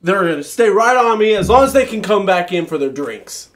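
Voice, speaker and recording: A man's voice: high-pitched, expressive, a little fast. A man playing a tabletop game, chatting and bantering casually with the group. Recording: noisy room recording with clicks.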